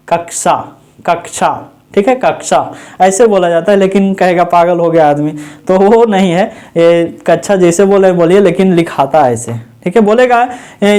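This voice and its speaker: This exam-prep grammar lesson takes place at a writing board, where the teacher questions the class and supplies the answers. Terms and key sounds are said over several times in a mid-range, darkish voice.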